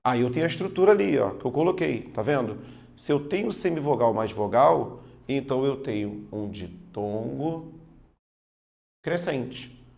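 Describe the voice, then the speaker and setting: With a medium-pitched, expressive and slightly mellow voice touched by vocal fry, a Portuguese teacher works through grammar for exam preparation at normal speed. He explains patiently, uses emphasized spoken examples, and often checks understanding with "tá vendo?" and "certo?".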